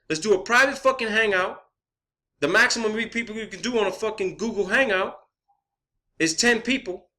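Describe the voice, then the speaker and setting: An online video creator speaks to camera or viewers in a profanity-heavy rant that's blunt and confrontational, his voice sitting high, pushed and bright.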